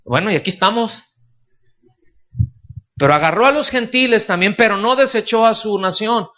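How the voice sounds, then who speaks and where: Pastor preaching, fairly high voice. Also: male voice, lively intonation, moderate pace, sharp tone. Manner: colloquial, jokey asides, frequent "do you follow?" checks. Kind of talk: expository sermon. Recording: dull lo-fi recording.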